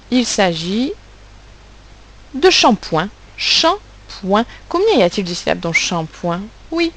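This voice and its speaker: A woman teacher giving a recorded phonics lesson to children, articulating sounds and syllables slowly and with care. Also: lowish voice, slight background noise, rough recording. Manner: slow, carefully articulated, stressing sounds and syllables. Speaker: primary school teacher.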